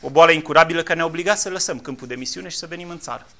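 A man preaching a fiery sermon in a church, swinging from quiet, low passages to loud, impassioned appeals.

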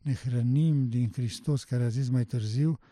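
Male preacher, dark warm voice, passionate emphatic delivery, dry recording. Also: medium pitch, dry recording. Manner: emphatic, rising to loud passionate stress; rhetorical questions. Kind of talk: sermon.

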